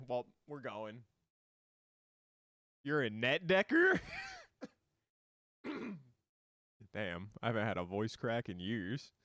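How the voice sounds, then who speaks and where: A man's voice: medium pitch, clean tone, dry recording, clean studio sound. A man streaming a card game, explaining it in loose, rambling casual talk full of fillers.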